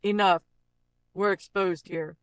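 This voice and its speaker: An actor voices a grim fugitive character, giving terse, urgent, game-style warnings slowly and with fairly even intonation; the tone is smooth and a bit bright with no room sound. Pitch and cyborg-style robotic effects are being demonstrated on these short scripted dramatic lines, played as a looping vocal sample.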